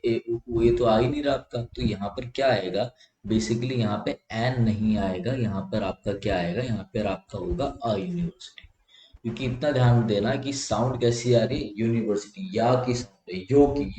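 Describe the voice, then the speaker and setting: A man explains grammar to exam students in a warm, relaxed voice that sits at a middling pitch. He repeats each point and sounds out vowels one by one, often stopping to ask whether they follow. The room around him rings with an echo. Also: moderate pace, slight background noise. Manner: repetitive, checks understanding with "theek hai", drills sounds aloud. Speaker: English grammar teacher. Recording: echoey room.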